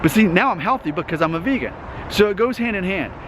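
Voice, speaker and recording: Animated, quick and a bit bright, the high-sitting voice belongs to a YouTube host in his 30s giving an earnest vlog monologue to camera. He repeats himself, asks "okay?" again and again, and traffic noise runs throughout the outdoor recording.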